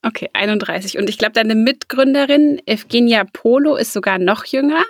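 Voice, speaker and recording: A woman's voice: on the high side, moderate pace, no echo, studio quality. A woman in her thirties hosting a podcast, introducing the show and asking questions in a friendly, conversational way. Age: 30s. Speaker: podcast host. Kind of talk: podcast interview.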